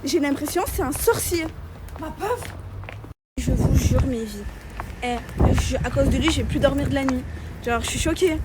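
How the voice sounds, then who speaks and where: A woman vlogging casually, telling stories in an animated way and calling her viewers "mes vies". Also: sits high, moderate pace, long pauses, heavy background noise. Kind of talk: casual vlog chat to followers.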